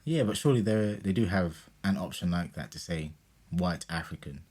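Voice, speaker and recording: A man's voice: low voice, expressive, moderate pace, darkish tone. A young man co-hosting a podcast, challenging and teasing in a casual debate. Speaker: podcast co-host.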